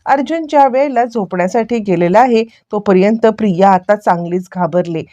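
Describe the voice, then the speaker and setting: A woman's voice: medium pitch, moderate pace, dark tone, no echo, highs cut off. A woman narrating a recap of a TV serial episode, addressing viewers as she retells the scenes.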